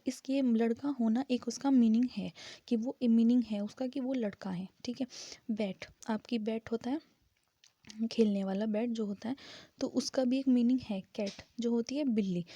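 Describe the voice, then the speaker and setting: Woman teacher, casual lesson, husky, mellow, higher voice, dry close sound, breaks words into syllables. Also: no echo. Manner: explains step by step, spells out syllables slowly. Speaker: English grammar teacher.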